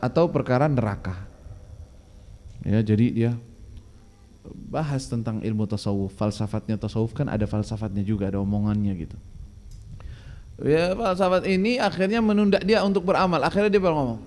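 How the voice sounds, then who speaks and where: A man teaching a casual religious lesson. He reads Arabic lines slowly and then explains them, firing off lively rhetorical questions. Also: mid-range voice. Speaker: religious teacher leading a kitab study.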